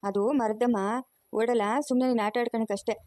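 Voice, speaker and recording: Woman voicing a cartoon village grandmother, rural Chikkaballapur Kannada accent, rapid coaxing talk, soft warm tone, slightly high. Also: level tone, dry recording, natural voice. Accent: rural Kannada, Chikkaballapur region. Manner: coaxing, soothing. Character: doting rural grandmother, tender and fretful. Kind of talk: cartoon voice acting.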